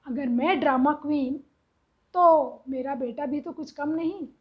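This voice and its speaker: A woman storyteller narrating in an expressive, earnest way and speaking straight to her listeners, on a slightly dull recording. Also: high-pitched, unhurried.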